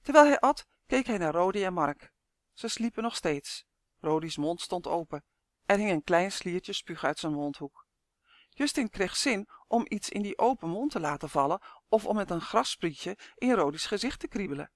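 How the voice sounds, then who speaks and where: A woman reading a children's storybook aloud with expressive, lively storytelling. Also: lowish voice, moderate pace, no room sound, clean studio sound. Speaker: narrator.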